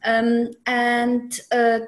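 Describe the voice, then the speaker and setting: A woman in her thirties from Poland, speaking English with a Polish accent, introducing herself unhurriedly over a video call and often pausing with ums. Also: a little high, monotone. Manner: unhurried, searching for words with frequent ums. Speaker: community organiser introducing herself. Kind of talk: casual self-introduction in an online group meeting.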